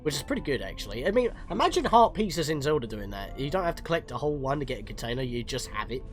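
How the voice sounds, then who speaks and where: A man commentating as he plays a video game live, chatty and quick to exclaim. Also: medium pitch, big pitch swings, soft background music. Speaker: streamer playing a game. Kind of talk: live let's-play commentary.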